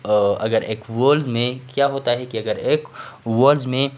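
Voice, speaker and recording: A man teaches a recorded lesson at a middle pitch. He explains step by step, often pausing on filler sounds and checking in with the listener before moving on. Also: steady tone. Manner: explains patiently, repeats "theek hai" and fillers. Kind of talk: recorded classroom lecture.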